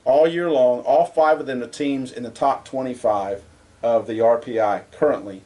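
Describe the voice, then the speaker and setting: On a college sports podcast, a man with a mid-range male voice co-hosts at a normal speed, debating in a loose, rambling manner. Annoyance makes his pitch climb and his volume rise.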